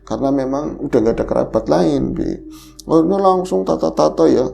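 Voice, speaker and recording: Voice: medium pitch, animated, brisk, creaky, warm tone. A podcast host animatedly retelling a horror story in casual chat, the voice leaping up at the scary moments.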